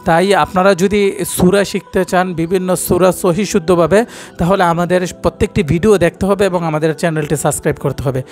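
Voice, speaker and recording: Male Quran recitation teacher, Bangladeshi Bengali accent, high voice, quick explanations broken up by slow chanted verses, faint music under him. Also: darkish tone.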